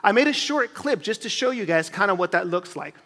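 A man's voice: high voice, expressive, brisk, pushed and bright. A man preaching a sermon as pastor, talking to his congregation in a conversational way with frequent restarts and asides. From grew up in Chile as a missionary kid. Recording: church hall reverb.

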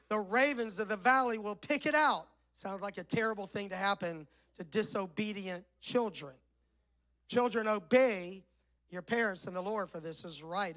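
A man with a Southern US accent preaching a sermon as a pastor, his voice rough, hoarse and hollow as if inside a barrel, phrasing deliberately. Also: sits high, pushed and bright, poor audio. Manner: deliberate phrasing with scripture recitation.

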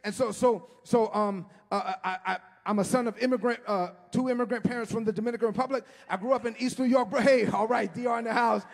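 High gravelly preaching man in hall. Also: steady tone, fast, hardly any pauses. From United States. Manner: impassioned preaching, often shouting and stretching words. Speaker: pastor. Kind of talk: sermon. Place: church sanctuary. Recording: long hall reverb.

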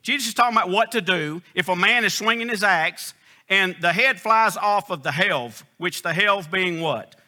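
A man preaching a sermon, reading scripture in King James wording and telling folksy, humorous stories. He rises to loud, emphatic questions and drops to quiet, low storytelling. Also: moderate pace.

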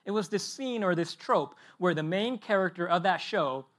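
A male pastor in his thirties preaches a sermon like a friendly chat, telling stories with lively energy. His voice sits high for a man. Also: moderate pace. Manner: lively, chatty storytelling.

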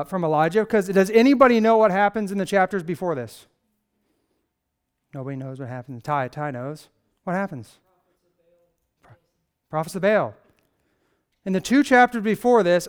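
A man's voice: sits high, smooth. A man preaching a casual sermon, telling a Bible story with sarcastic, conversational asides and acted quotes. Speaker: pastor.

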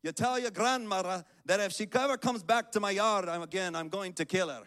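A preacher putting on a wry Scottish missionary. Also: male voice, sits high, a little fast, fairly bright tone, voice pushed up. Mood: mock threatening. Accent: Scottish, put on. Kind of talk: sermon anecdote.

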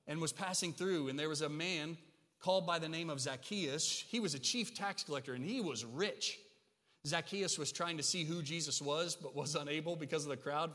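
Preacher with a bright voice in a reverberant hall. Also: male voice, fairly high pitch. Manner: conversational and animated, swinging between hushed and emphatic. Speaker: pastor. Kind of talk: sermon. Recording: long reverb of a large hall.

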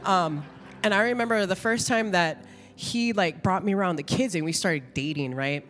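Middle-aged woman, lowish voice, tearful and rambling church testimony over soft music. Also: normal speed, in a large hall. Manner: emotional, chatty, lots of "like". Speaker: church member giving a testimony.

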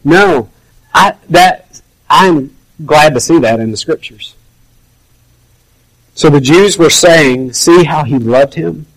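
Conversational preacher, fairly high male voice. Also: low-quality recording. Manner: conversational, acts out quoted voices. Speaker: pastor. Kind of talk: sermon.

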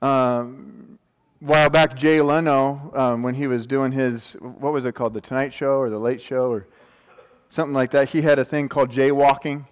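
Guy preaching casually in a big echoey hall, smooth clean voice, jokey, keeps checking in with the crowd. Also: mid-range voice, fairly even intonation, normal speed. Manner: informal, joking, with rhetorical check-in questions. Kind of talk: casual sermon to a congregation. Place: large room, speaking to a congregation. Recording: long hall reverb.

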